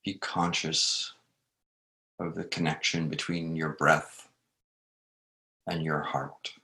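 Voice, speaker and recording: A man leading a guided meditation, speaking gently in short phrases with long unhurried pauses. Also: extremely low pitch, level tone.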